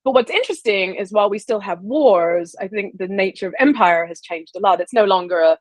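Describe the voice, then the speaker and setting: A woman from the American South, a historian guest on an interview podcast, talking in halting phrases with many restarts. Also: mid-range voice, no room sound. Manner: halting, restarts, frequent laughs.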